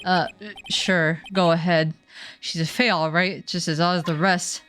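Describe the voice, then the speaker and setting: A woman's voice: on the low side, little pitch movement, measured pace, a bit bright, soft background music. Wry woman streamer reading game text. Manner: wry, chatty. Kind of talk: reading game text aloud, casual commentary.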